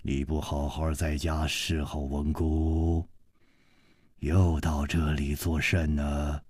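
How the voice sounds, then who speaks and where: A man voicing a stern, commanding old master swordsman who speaks in a deep, low voice. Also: level tone, slow, a little mellow, husky, no echo, clean studio sound, exaggerated voice.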